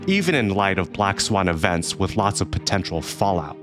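A man's voice: low voice, big pitch swings, normal speed, music in the background. A man hosting a podcast with scripted narration. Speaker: podcast host.

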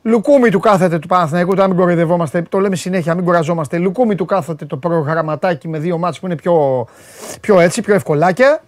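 A man's voice: high voice, dry recording, clean studio sound. A man hosting a sports show, chatting casually, joking and repeating words for emphasis.

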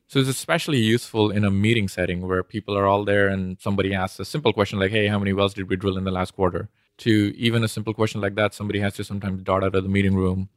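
A man's voice: low voice, dry recording, clean studio sound. A man from India with an Indian accent, an interview guest and startup founder explaining things in an informal, conversational way.

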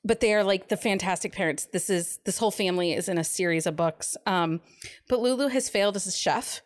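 A woman in a relaxed book chat with friends, speaking at an ordinary middle pitch. She gushes over her favorites with eager, wholehearted enthusiasm. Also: a little fast. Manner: gushing, enthusiastic book recommender. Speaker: podcast co-host pitching a book pick.

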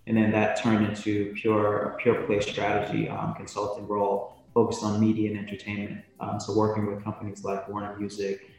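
A man from Jamaica recounts his career in a measured, low, level voice with frequent ums. He is heard from a distance in a very echoey room. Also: monotone. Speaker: podcast guest, venture capitalist. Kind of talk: interview answer.

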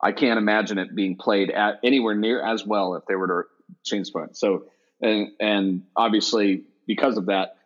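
A man's voice: fairly low pitch, steady tone, moderate pace. A man co-hosting a casual movie podcast, rambling with restarts and fillers, often laughing. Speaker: podcast co-host. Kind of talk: casual movie-list chat. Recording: dull lo-fi recording.

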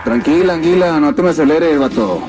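A commanding drug lord, played by a man in a telenovela scene, talking down to everyone with contempt. His voice sits slightly high for a man, and music plays clearly behind him. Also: fairly quick, natural voice. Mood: menacing. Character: menacing male drug lord boss. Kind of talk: telenovela dialogue clips.

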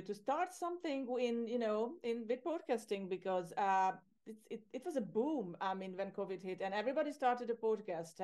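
A woman's voice: medium pitch, darkish tone. A middle-aged woman, talking casually as a podcast guest, laughing easily and often restarting her phrases. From Hungary. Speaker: podcast guest, agency owner. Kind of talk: casual interview conversation.

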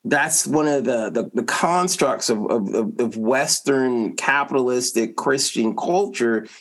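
A man's voice: medium pitch, unhurried, a bit bright. A man talking casually and emphatically, making his points by acting out imagined quotes in everyday speech. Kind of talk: casual animated conversation.

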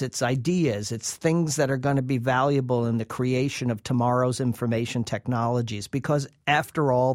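Speaking with a mid-range voice, a male researcher offers interview commentary on his study as an expert guest. He stresses his points and repeats phrases to give them weight, and the recording is dry and of studio quality.

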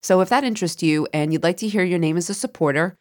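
A woman's voice: lowish voice, fast, darkish tone. A woman co-hosting a podcast, chatting in an informal, conversational way. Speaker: podcast co-host. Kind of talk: casual chat.

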